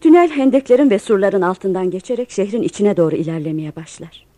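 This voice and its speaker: Actress as a patient lady telling history to kids, radio play, mellow, lively pitch. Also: fast, natural voice. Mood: storytelling. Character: patient storytelling woman explaining history to children. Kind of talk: scripted radio play narration.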